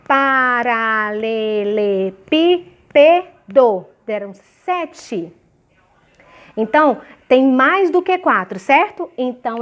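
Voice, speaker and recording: A woman teaching a grammar lesson to young children, sounding out example words syllable by syllable and often checking "ok?" and "certo?". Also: high-pitched. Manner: slow, clearly syllabified examples with frequent checking questions. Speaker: primary school teacher.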